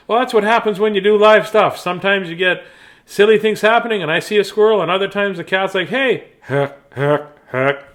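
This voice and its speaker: A man hosts a live bedtime reading, chatting casually with viewers in a rambling, self-deprecating way. His high-pitched, fairly bright voice stays steady in tone and moves fairly quickly, broken by long pauses.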